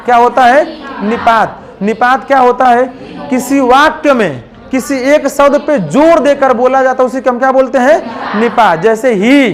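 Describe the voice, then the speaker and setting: Male teacher with a very high voice, dictating a grammar lesson to a class. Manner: asks the class frequent checking questions; dictates headings slowly, word by word.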